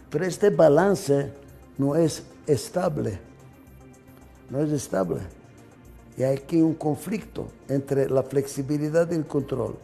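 An older male lecturer with a mellow, somewhat high voice, speaking emphatically and repeating key words, posing rhetorical questions to his listeners. His grammar slips slightly like a non-native speaker's. Faint music plays underneath. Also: creaky. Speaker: management lecturer.

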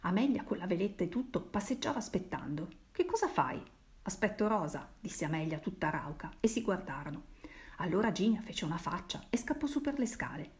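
A woman's voice: lowish voice, animated, fairly quick, darkish tone. A woman reading a literary novel aloud, changing her voice for the characters' lines. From Italy.

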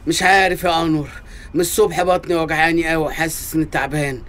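Fast-talking Egyptian shopkeeper, a man acting. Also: on the high side, fairly even intonation, fairly bright tone, natural voice. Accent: Egyptian Arabic. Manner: fast, teasing, wheedling. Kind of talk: comic radio drama.

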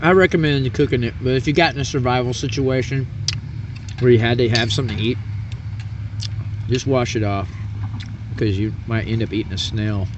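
A man's voice: medium pitch, steady tone, brisk, pauses often. Chatty folksy guy cooking outside at night, a bit far from the mic, muffled, cars going by. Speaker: cooking vlogger. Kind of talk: casual cooking demonstration. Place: outdoors at a camp stove at night. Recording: distant, dull camera audio with outdoor noise.

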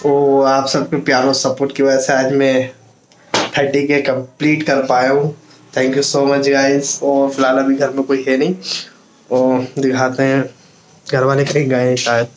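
A man in his thirties thanking viewers in a casual home vlog, speaking in a grateful, slightly halting way. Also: mid-range voice, monotone. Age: 30s. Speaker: vlogger. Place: indoors at home. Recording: echoey room, light hiss.

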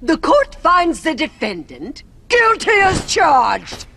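A woman playing a bossy, hot-tempered middle-aged queen in an animated video game, declaiming imperiously. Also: high-pitched, slow, gravelly, heavily acted. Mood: furious.

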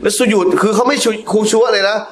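Male religious class teacher, animated and humorous, voice on the higher side. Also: fast talker, a crowd in the background. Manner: animated storytelling with laughter. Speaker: Islamic teacher.

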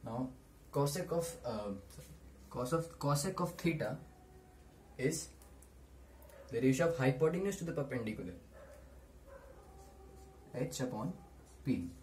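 A young man gives a maths lesson in a mid-pitched voice. He explains step by step in short, deliberate phrases. The camera microphone picks up faint noise in a small room. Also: lively intonation, darkish tone. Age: teens to young adult. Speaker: maths tutor. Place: small room indoors at a whiteboard.

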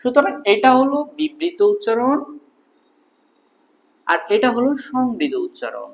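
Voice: mid-range voice, wildly swooping pitch, unhurried, gravelly, lo-fi sound. A teacher, explaining a grammar lesson step by step and answering their own questions.

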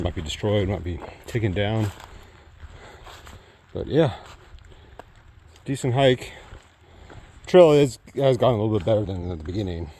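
A man in his thirties, a thru-hiker, vlogs casually along a forest trail in a fairly low, mellow voice. Rambling and trailing off with fillers, he records on an earbud mic with the phone at arm's length, and the audio carries a little hiss or hum.

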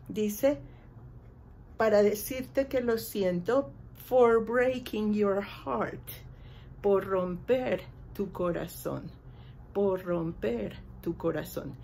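A woman's voice: mid-range voice, mellow, slight background noise. A woman with a Mexican Spanish accent, teaching an English lesson and patiently translating song lyrics phrase by phrase.

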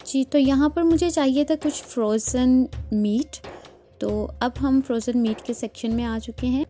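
Vlogger woman, calm explanatory voice-over, warm tone, light background music. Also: high voice, normal speed. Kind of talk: shopping vlog voice-over.

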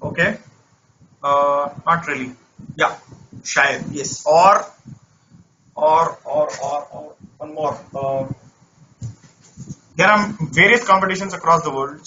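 A man's voice: fairly high pitch, slow pace, pauses often, pushed and bright, muffled recording, a little hiss or hum. A man from India teaches an interactive online maths lesson conversationally, often repeating words and phrases. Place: online class over screen share.

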